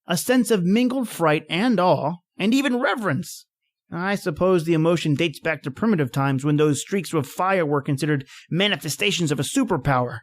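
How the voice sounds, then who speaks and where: On the low side and animated, a woman's voice moves at a moderate pace as she plays an impatient, rational professor in an old-time radio horror play. Her delivery is theatrical and exclamatory, confident and condescending.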